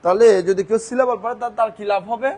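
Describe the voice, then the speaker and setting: A man's voice: extremely high pitch, steady tone, fast, a little mellow. A man teaching English grammar, asking questions and answering them himself while sounding out words syllable by syllable. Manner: speaks in an informal classroom way. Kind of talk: classroom-style grammar lesson.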